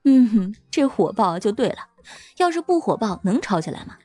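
A woman narrating an audio drama in a lively, expressive storytelling manner. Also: on the high side, normal speed, husky.

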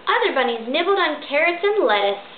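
Reading a picture book for children, this woman in her thirties talks fairly quickly, animated and expressive, giving the characters high voices. She's at home in her bedroom, filmed by a camera in front, and the sound is echoey and thin like a phone, with slight background noise.

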